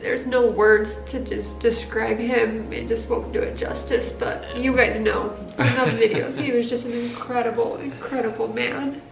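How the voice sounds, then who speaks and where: A woman with a fairly high, creaky voice speaks tenderly and earnestly to her viewers. The sound is roomy, with faint music behind. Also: steady tone, measured pace, hardly any pauses. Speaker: family vlog host. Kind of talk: heartfelt personal talk to viewers.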